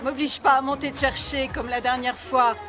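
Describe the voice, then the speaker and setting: A woman's voice: high voice, flat delivery, moderate pace, music in the background, natural voice. A woman dubbing a mother who calls upstairs firmly in a film. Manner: firm, calling out. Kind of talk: film dub.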